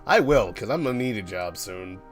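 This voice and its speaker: A man with a lowish, expressive voice speaks briskly while hosting a game developer's livestream, music underneath. He keeps things casual and playful, rambling and acting out little made-up conversations.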